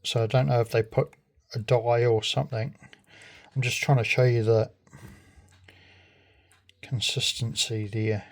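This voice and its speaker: A man talks through a casual hands-on demonstration. His voice sits at a medium pitch, and he speaks very slowly, in a halting, friendly way. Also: level tone. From New Zealand. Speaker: video creator.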